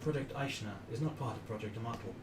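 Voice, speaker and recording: A man's voice: medium pitch, fast, natural voice. A man plays a terse artificial intelligence in a tabletop game, speaking in formal, literal sentences. The voice sits back from the mic in an echoey, noisy room. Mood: detached, formal. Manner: clipped, formal, literal phrasing. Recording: roomy, distant, noisy tabletop recording.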